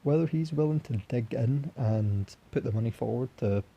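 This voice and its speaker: A young man with a hoarse voice that is giving out, talking in a disappointed, halting way as a football fan reacting after a match. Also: mid-range voice, mellow, lo-fi sound. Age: young adult. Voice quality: husky, raspy. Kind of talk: solo post-match reaction talk.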